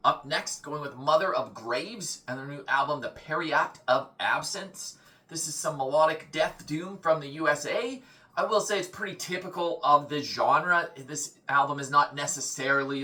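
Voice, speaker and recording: A man giving a casual monologue reviewing metal albums, relaxed and chatty with frequent filler words. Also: a little high.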